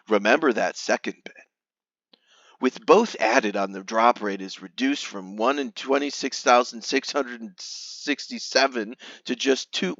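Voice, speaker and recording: A man's voice: mid-range voice, dry recording, dull audio. Hammy man giving a dramatic reading. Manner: hammy stage-actor delivery, mock-grave with emphatic swells and hushed drops. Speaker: reader of a gamer's forum post.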